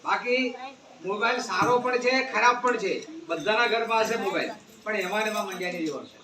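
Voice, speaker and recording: A man giving an animated moral talk to schoolchildren, often asking them questions. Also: high-pitched, brisk, a crowd in the background. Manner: animated, asks the children questions. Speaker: speaker addressing schoolchildren. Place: school gathering. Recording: echoey room, distant mic, faint ambience.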